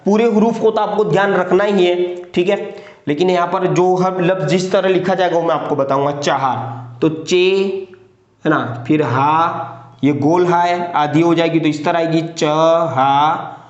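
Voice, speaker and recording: A man's voice: high voice, steady tone, normal speed, reverberant, dull audio. A man teaching Urdu handwriting step by step, patiently spelling out each word letter by letter and checking in often. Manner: patient, repeats "ठीक है" and "है ना" often.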